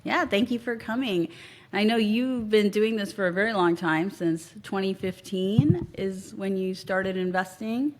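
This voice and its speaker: A woman hosting a podcast introduces and questions a guest in a conversational interview style. Her medium-pitched voice is a little slow, with slight background noise.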